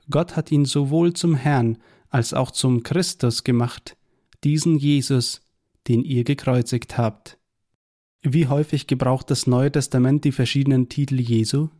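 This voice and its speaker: A man reading a devotional Bible tract aloud in a measured, earnest way, quoting scripture verses. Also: medium pitch, warm tone.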